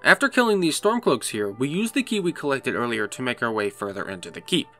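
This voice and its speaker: A man's voice: medium pitch, very animated, a little fast, fairly bright tone, soft background music. A man narrating a game walkthrough in a casual, explanatory way. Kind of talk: casual gameplay commentary.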